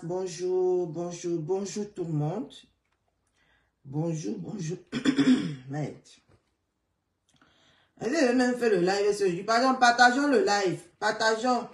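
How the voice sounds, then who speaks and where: A hoarse woman hosting a casual live chat, greeting viewers by name and repeating calls to share. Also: medium pitch, distant mic. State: hoarse, voice partly gone. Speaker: livestream host. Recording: roomy sound, away from the mic.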